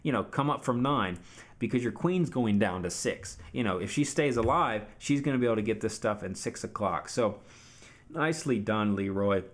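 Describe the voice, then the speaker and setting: A man's voice: lowish voice, animated, normal speed. A man giving casual commentary on a video game recap, coaching viewers directly in a chatty tone.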